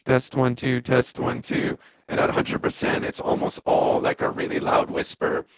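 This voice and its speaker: A man's voice: completely flat delivery, moderate pace, slight background noise. Man's voice through a gritty robot filter. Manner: repeats test phrases, pitch jumps wildly. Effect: robotic lo-fi speech-synth filter. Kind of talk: demonstrating a vocal effect.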